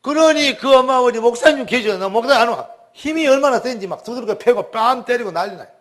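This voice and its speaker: Male pastor, high-pitched, emphatic storyteller, repeats words for stress. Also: animated, fast talker, fairly bright tone. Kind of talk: sermon testimony.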